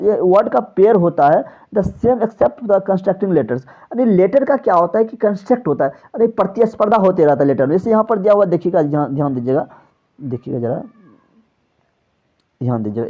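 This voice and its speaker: A male teacher talks through an exam-prep lecture, posing questions to the class and answering them himself. His voice sinks low at the close of each phrase. The recording is a little dull and lo-fi. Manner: repetitive, asks and answers his own questions; drops pitch on closing phrases.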